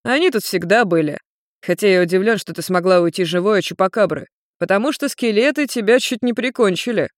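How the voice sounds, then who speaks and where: In a storybook reading, a woman with a medium-pitched voice plays a centuries-old male demon who is carefree and joking. Her brisk, lightly acted delivery is breezy and scatterbrained, recorded studio-clean with no room sound.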